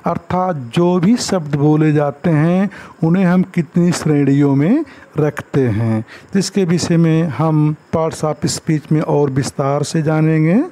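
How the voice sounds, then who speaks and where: A man teaching basic English grammar in Hindi. He mixes in English phrases and repeats words slowly for emphasis. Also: on the high side, dark tone, rough recording. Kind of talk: classroom lecture.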